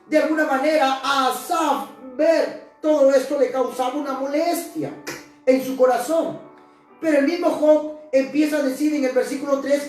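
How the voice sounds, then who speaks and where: A woman preaching a sermon with impassioned delivery, acting out scripture quotes dramatically. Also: sits high. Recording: echoey church hall, mic at a distance, faint music.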